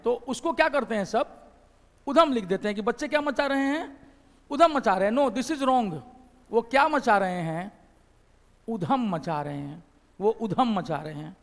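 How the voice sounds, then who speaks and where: High-voiced Bihari teacher in an echoing hall. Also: male voice, lively intonation, normal speed, pauses often, a bit bright. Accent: Bihari Hindi. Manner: explanatory, repeats phrases and asks questions to the class. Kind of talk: classroom lecture.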